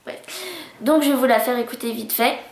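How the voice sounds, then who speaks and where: A woman's voice: a little high, steady tone, brisk, gravelly, background noise. Chatty bubbly woman in an echoey room. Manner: chatty and bubbly, gushing with cutesy words. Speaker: beauty vlogger. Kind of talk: casual monthly favourites vlog. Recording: roomy echo.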